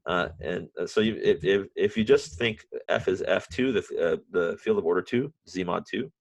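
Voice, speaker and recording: A man with a low, creaky voice teaches a university math class remotely. As a math professor, he halts often, restarts, uses fillers, and slips in wry, self-mocking asides. The recording has no echo.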